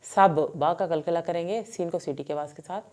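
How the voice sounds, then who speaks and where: A woman teaching Quran recitation rules, reciting each phrase slowly and then explaining it quickly. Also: lowish voice, dark tone. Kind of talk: tajweed recitation lesson.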